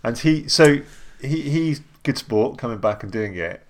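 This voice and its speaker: A young man co-hosting a podcast, chatting casually, laughing often and pausing with ums and restarts. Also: mid-range voice, lively intonation. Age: young adult. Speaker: podcast co-host. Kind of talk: casual chat.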